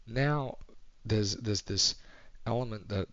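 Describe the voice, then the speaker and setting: A young man rambling alone late at night, speaking in a hushed, near-whispered voice and thinking aloud with pauses and restarts. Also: fairly low pitch, dull audio. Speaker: vlogger. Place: home at night.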